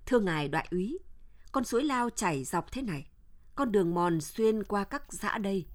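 A man's voice: high-pitched, lively intonation, normal speed. A woman reading the lines of a fawning, scheming male militia sergeant who speaks deferentially to his officer. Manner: deferential, eager to please.

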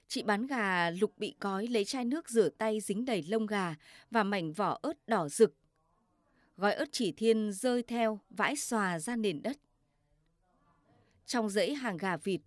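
A woman narrating a story in a measured, steady reading. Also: mid-range voice, no echo.

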